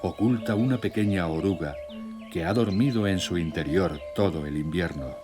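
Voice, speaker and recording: A man narrating a scripted nature documentary in a measured, solemn storytelling way. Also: deep voice. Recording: music bed with nature sounds. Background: music, birdsong and nature sounds.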